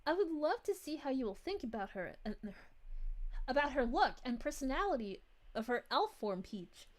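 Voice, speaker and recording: Princess Peach, a woman doing a bubbly high princess. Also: very animated, moderate pace. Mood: cheerful. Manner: giggly, gushing, chatty. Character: sweet bubbly young princess, cheerful and giggly. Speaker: streamer reading chat. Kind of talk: live stream chat in character.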